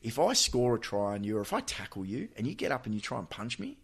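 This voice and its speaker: A man, a podcast guest and sports coach, telling animated stories in casual chat and laughing often. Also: mid-range voice, quick pace, creaky, breathy edge.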